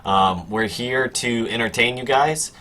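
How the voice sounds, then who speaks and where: Brief: male podcast host, bright and forceful voice, casual sign-off full of ums, slight call hiss. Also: medium pitch, unhurried. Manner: loose outro with many fillers. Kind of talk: casual chat and show outro. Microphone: video call.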